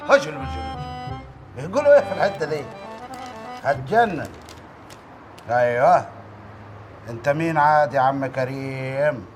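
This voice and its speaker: A man's voice: medium pitch, expressive, soft background music, lightly acted. An actor playing a nosy comic doorman who bosses the residents around, speaking with an Egyptian accent tinged with Upper Egyptian speech. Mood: bossy. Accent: Egyptian, Upper Egyptian flavor. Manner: brash, bossy, comic, quick. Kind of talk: TV comedy series acting.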